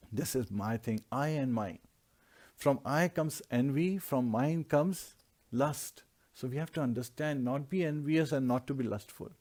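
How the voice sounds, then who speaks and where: A man's voice: medium pitch, a little mellow. A man giving a devotional scripture class, explaining Sanskrit verses word by word in earnest preaching tones. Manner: earnest preaching with repeated lists.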